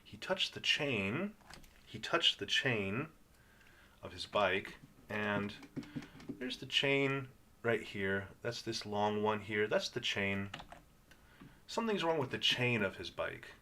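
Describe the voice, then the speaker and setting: A man teaching English reading to learners, sounding out words patiently and repeating them in a slow guided lesson. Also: on the low side, lively intonation, pushed and bright, slight background noise.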